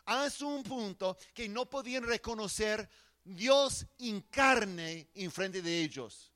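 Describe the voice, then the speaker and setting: A man's voice: high-pitched, expressive, slow, bright, forceful tone. A man preaching a sermon in an earnest, emphatic way, often restarting his words.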